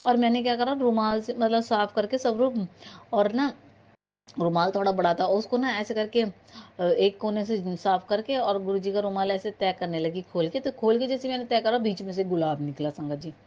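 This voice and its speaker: A woman from Uttar Pradesh shares a personal devotional testimony in a rambling, meandering way, full of fillers and restarts. Her voice sits at an ordinary middle pitch. The sound is slightly dull, as from a phone recording at home. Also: normal speed. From Uttar Pradesh, India. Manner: rambling, warm storytelling with many fillers and restarts. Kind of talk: personal devotional story told to a congregation.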